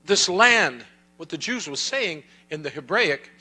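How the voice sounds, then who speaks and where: A man's voice: on the high side, lively intonation, measured pace, sharp tone, husky. A male pastor preaching a sermon with a repetitive, building cadence.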